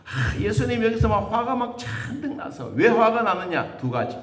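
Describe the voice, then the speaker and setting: A man preaching a sermon as pastor, asking rhetorical questions and acting out the voices he quotes. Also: normal speed. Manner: animated, with sudden high jumps in pitch and rhetorical questions. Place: church sanctuary. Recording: echoey church hall.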